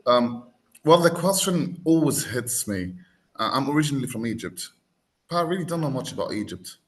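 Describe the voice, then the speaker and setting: A man's voice: medium pitch, big pitch swings, moderate pace. A man raised in the UAE, talking reflectively as a podcast guest and explaining with everyday examples. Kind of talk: conversational panel talk.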